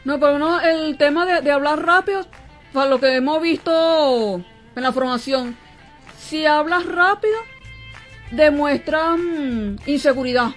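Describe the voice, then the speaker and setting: High-voiced Venezuelan woman, halting. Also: soft background music. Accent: Venezuelan Spanish. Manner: hesitant, halting, searches for words. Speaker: radio co-host. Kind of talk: casual studio chat.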